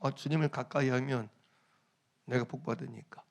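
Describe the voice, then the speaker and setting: A man's voice: mid-range voice, fairly even intonation, moderate pace, vocal fry. A male pastor preaching a sermon, emphatic, repeating his phrases and putting questions to the congregation.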